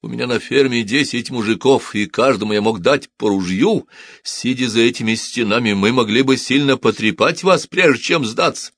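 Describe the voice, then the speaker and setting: A man voicing a calm, resigned farmer who pleads and reasons in a storybook reading. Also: mid-range voice, dry recording, voice pushed up. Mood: reasoning. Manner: pleading, measured.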